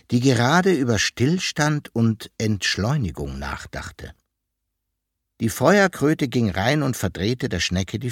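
Man reading a children's story slowly. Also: on the low side, breathy edge, no echo, studio quality. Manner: lively, dramatic reading.

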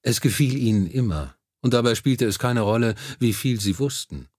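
A man narrating an audiobook in a measured, even reading style. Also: medium pitch, breathy edge, no echo, studio quality. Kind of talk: scripted narration.

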